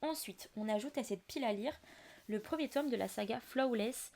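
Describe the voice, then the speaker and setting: A woman's voice: fairly high pitch, normal speed, creaky, darkish tone, slight background noise. A young woman hosting a casual book podcast, chatty and full of asides and fillers. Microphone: audio-only podcast mic.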